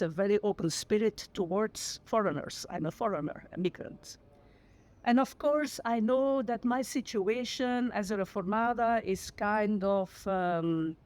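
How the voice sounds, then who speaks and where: A retired teacher in her sixties from Flanders, Belgium, a native Dutch speaker, gives personal testimony to camera. Her medium-pitched voice is a little mellow, and she comes across as earnest and sincere, correcting herself as she goes.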